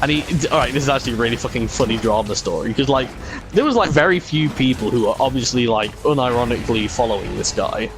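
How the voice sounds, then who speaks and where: Man, average pitch, casual gaming chat, rambling, sweary, mimics people, music in background. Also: fast, rough recording. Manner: sweary, frequently mimics others mockingly. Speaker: video game streamer. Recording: music behind the voice.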